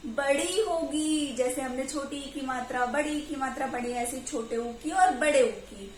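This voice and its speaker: A woman's voice: sits high, fairly even intonation, moderate pace, a little hiss or hum. A woman teaching a children's Hindi lesson, patiently asking questions and then answering them herself. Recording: echoey room with faint ambience.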